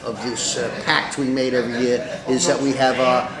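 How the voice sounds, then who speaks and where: A man's voice: mid-range voice, flat delivery, normal speed, reverberant, crowd noise. A middle-aged man leading a swim club, talking in a casual interview, boisterous and full of uh fillers. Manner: boisterous, hesitant with many uh fillers. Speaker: polar bear club ringleader.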